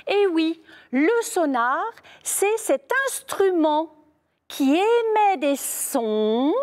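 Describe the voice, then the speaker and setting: Woman teacher, slow deliberate dictation, high expressive voice. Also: big-room sound. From France. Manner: slow, clear dictation with emphatic repeated words. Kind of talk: spelling lesson video.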